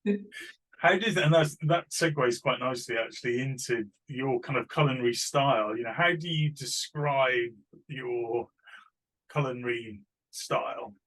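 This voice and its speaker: A man's voice: medium pitch, normal speed, fairly bright tone, poor audio. A man interviewing conversationally, feeling his way through questions in a reflective, affirming manner. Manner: tentative, reflective phrasing, affirming the guest.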